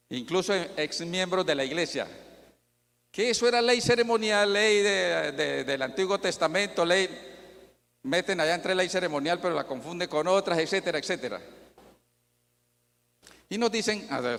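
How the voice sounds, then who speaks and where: A man with a fairly high voice preaches a sermon in a church, firing rhetorical questions at the congregation and answering them himself. He cites chapter and verse throughout. His voice carries a long reverb from the big hall. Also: gravelly, fairly bright tone.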